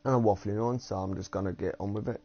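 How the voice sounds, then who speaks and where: A man's voice: on the low side, fairly even intonation, quick pace. A man from the UK giving rambling, giggly casual commentary while streaming a game. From United Kingdom. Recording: dull lo-fi streaming audio.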